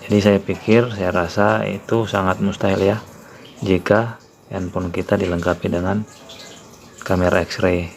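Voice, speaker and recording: A man's voice: deep voice, level tone, unhurried, creaky, pauses often, slight background noise. A man hosting a tutorial channel, walking viewers through a phone app in a plain explanatory way. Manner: plain explanatory, repeats "ya, teman-teman" fillers.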